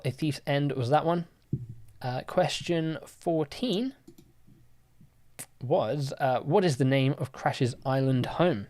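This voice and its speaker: Chatty young man hosting a live quiz. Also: medium pitch. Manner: chatty, relaxed, lots of fillers, reads out and answers chat questions. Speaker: livestream quiz host. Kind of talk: casual live-stream chat, reading viewer comments.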